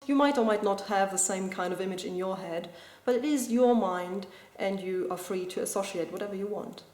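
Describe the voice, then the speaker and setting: Woman, mid-pitched, calm, measured, scripted literary explanation, echoey room. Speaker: video blogger explaining a poem. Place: school building indoors.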